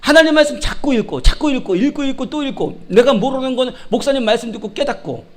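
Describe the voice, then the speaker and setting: A male pastor preaching a sermon in a high voice, which he works for emphasis. His delivery is animated and full of rhetorical questions to the congregation. Now and then he drops into mock regional dialects to make a point with humor. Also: quick pace.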